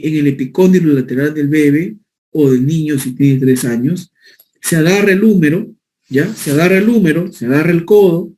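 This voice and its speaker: A man's voice: a little high, warm tone. A man giving a medical lecture, explaining step by step and often checking in with his listeners. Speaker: physician lecturer.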